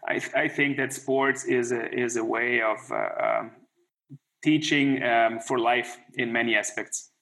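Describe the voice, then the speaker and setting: A man's voice: mid-range voice, steady tone, unhurried, sharp tone, low-quality recording. A middle-aged man, a former hockey player, talking in a casual interview with many restarts and a lot of "you know.". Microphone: remote call.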